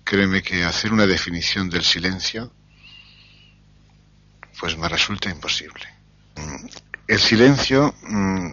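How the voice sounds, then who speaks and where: Low husky man, thoughtful interview guest, hesitant and searching, bright edge. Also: no room sound, dull audio. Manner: slow, thoughtful, with frequent hesitations. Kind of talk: reflective interview answers.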